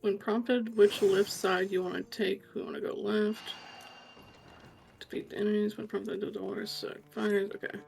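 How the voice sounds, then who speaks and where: A woman's voice: mid-range voice, flat delivery, measured pace, gravelly, darkish tone, faint music behind, rough recording. A woman chatting casually while gaming, explaining steps with many fillers. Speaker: co-player.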